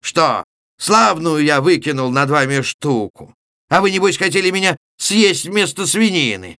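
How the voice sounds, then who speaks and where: A man reading aloud and voicing a gruff, boisterous middle-aged Cossack villager who exclaims loudly. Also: on the high side, lively intonation, a little slow, dry recording, studio quality, voice pushed up, full character voice. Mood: blustering. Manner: loud exclaiming, blustering.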